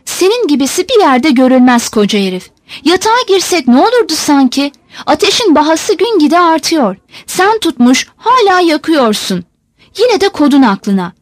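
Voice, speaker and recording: Woman reader doing an old peasant mum, nagging and praying, high and swingy, dry close sound. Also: big pitch swings, normal speed, dry recording. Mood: scolding grumble. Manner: scolding, fretful, pleading to heaven. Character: grumbling pious old peasant mother.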